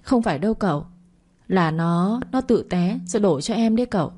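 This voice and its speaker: A woman's voice: mid-range voice, lively intonation, normal speed, a little mellow, close to an everyday voice. A woman voicing a brash, defiant young female housemaid in a spoken story. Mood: pleading. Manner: rude, then pleading.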